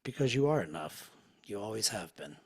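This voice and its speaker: A man with a deep, slightly husky voice talks a client through a hypnosis session. He keeps it slow, soft and soothing, easing into near-whispers as he guides. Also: very animated.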